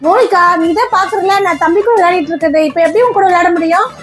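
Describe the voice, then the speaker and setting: A woman playing a doting mother who favors her baby son, talking in a gentle, coaxing way and scolding mildly in a comedy sketch. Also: very high voice, fast, soft background music.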